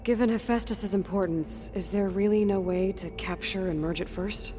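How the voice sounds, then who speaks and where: A woman with a mid-range, natural-sounding voice speaks at normal speed, voicing a determined young hunter in a video game cutscene. She asks direct, probing questions. The audio sounds distant, with music underneath.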